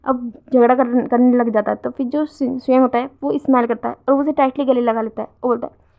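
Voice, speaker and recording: High-voiced woman narrating haltingly. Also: steady tone, creaky. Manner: halting, repeats words often. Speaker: storyteller. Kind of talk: casual fan-fiction narration. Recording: dull lo-fi recording.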